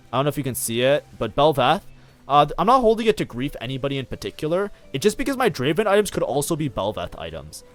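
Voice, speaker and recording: A man casually commenting on his own strategy game match as a streamer, talking in a loose, chatty way full of fillers. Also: a little high. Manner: chatty, lots of fillers like "like, you know".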